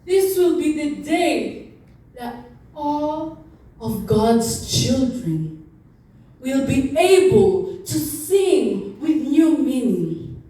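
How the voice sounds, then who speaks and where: A woman giving an impassioned, oratorical recitation of a famous speech, with deliberate pauses and repetition. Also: high-pitched, very animated, dark tone. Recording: very echoey, distant from the mic.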